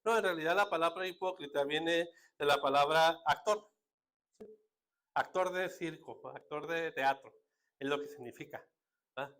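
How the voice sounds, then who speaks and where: A man's voice: on the high side, moderate pace, fairly bright tone. A man with a northern Mexican accent preaching a sermon as a pastor, in a casual, joking way full of rhetorical asides. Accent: northern Mexican Spanish.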